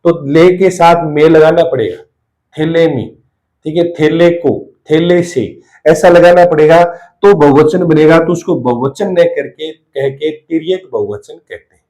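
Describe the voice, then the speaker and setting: Male grammar teacher, slightly raised pitch, drills and repeats examples for exam students. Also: poor audio. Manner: repeats key terms, drills example sentences slowly. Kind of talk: exam-prep grammar lesson.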